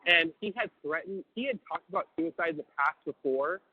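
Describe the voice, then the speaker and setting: A young man with a fairly high voice tells a story down a tinny prison phone line. He swears freely, restarts his sentences and acts out the voices he quotes. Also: lively intonation, a little fast, soft background music. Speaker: caller telling a story. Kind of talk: casual storytelling on a phone call.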